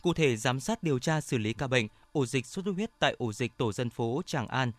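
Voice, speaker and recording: A man reading scripted radio news in a formal, measured announcer style. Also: medium pitch, animated, no room sound.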